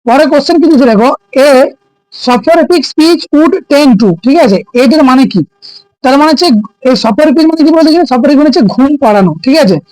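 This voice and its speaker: Male teacher, high voice, dry close sound, keeps checking students follow. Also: animated, very fast, a little mellow, no room sound, poor audio. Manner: keeps asking students "ঠিক আছে?"; explains by asking and answering his own questions. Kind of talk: exam-prep lesson.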